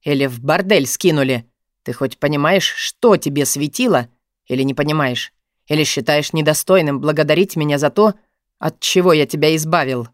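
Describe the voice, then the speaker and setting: A woman's voice: low voice, normal speed, no echo, studio quality, pitched below the performer's own voice, close to an everyday voice. A woman reading an audiobook, voicing a domineering wealthy man who growls, mocks and presses hard. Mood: harsh.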